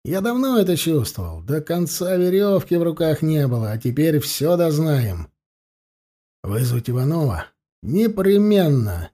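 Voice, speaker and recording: In an audiobook, a male reader voices a calm, ironic police investigator who coaxes a suspect with lively intonation that rises and falls. His voice is mellow and slightly husky with a gravelly edge, pitched on the high side, and he takes his time.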